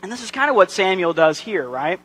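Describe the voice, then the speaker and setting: A man's voice: high voice, big pitch swings, a little fast, a bit bright, slightly rough, rough recording. A man, preaching a sermon in a conversational way and acting out quotes with playful voices.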